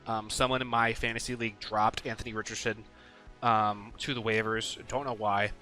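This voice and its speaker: A man's voice: fairly low pitch, level tone, normal speed, bright, forceful tone, soft background music. A man casually talking through his weekly game picks, rambling with lots of ums and some swearing. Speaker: sports picks video host. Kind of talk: casual solo commentary.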